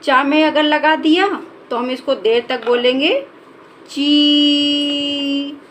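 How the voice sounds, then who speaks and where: A high-voiced woman leads a children's reading lesson, drawing each syllable out long and clear. Her delivery is unhurried, and a faint hiss sits behind her voice. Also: animated, fairly bright tone. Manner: drawn-out syllables, slow and clear. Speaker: teacher.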